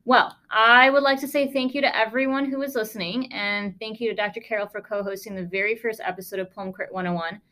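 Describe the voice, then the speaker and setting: A woman's voice: mid-range voice, steady tone, a little fast, hardly any pauses, bright, forceful tone. A woman podcast host, a lung doctor, telling a case story in a conversational, emphatic way with sarcastic asides.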